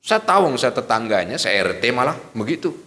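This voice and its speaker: A man's voice: mid-range voice, big pitch swings, fairly quick, bright, forceful tone. A man voicing a village neighbor who urgently pleads for a prisoner's release. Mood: pleading. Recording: reverberant hall.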